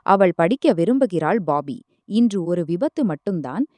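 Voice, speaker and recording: A woman voicing a gentle, worried mother who soothes and pleads, in a storybook reading. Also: lowish voice, expressive, moderate pace, no room sound, clean studio sound, lightly acted. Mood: pleading.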